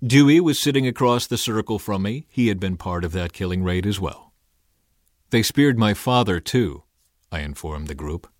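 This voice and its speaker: Earnest low-voiced man narrating a memoir. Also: no echo, clean studio sound. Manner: measured, earnest storytelling. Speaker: audiobook narrator. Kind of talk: first-person memoir narration.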